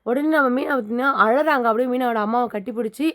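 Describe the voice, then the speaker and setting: A woman's voice: on the high side, rapid-fire. A woman chattily retelling a TV serial episode in casual storytelling, full of filler phrases.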